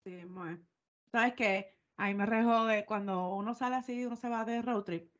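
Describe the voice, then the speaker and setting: A woman's voice: a little high, fairly even intonation, normal speed, highs cut off. A Puerto Rican woman co-hosting a podcast, telling stories in a chatty way full of asides. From Puerto Rico. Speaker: podcast co-host. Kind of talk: casual chat.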